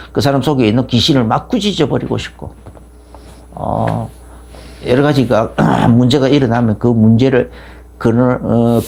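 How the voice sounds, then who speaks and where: A man's voice: mid-range voice, vocal fry, a little mellow, husky. A middle-aged man, a pastor, preaching a sermon in a rambling way, full of fillers and restarts, growing fervent as he goes.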